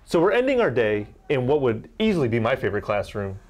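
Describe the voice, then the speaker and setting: Fast-talking upbeat male host. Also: mid-range voice, very animated, a little mellow, slight background noise. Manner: upbeat, friendly, self-deprecating. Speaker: local TV host. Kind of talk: casual chat. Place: school classroom, indoors.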